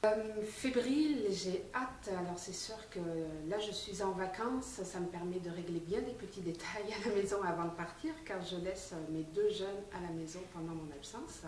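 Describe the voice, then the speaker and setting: A woman's voice: mid-range voice, moderate pace, hardly any pauses, darkish tone. Earnest French-born woman in her forties. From France. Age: 40s. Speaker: volunteer manager. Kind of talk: interview answers. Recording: echoey room, far from mic, faint noise.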